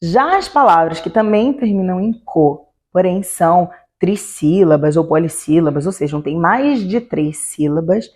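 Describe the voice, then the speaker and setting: A woman teaching an online grammar lesson, slowing down to spell out each example word. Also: lowish voice, animated, a little mellow, breathy edge. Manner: explanatory, slows to spell out example words. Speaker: Italian teacher.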